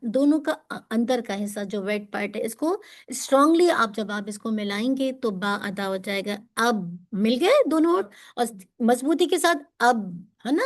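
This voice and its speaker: A woman teaching Quran recitation, who patiently drills sounds slowly and clearly and switches between Urdu and English to explain them. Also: on the high side. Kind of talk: pronunciation lesson for students.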